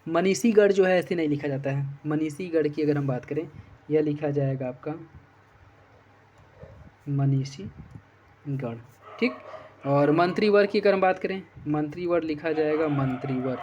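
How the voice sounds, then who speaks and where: A man, teaching exam grammar answers and repeating each answer with quick "okay?" checks. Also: a little high, a little mellow, a little hiss or hum. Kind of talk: explaining test answers.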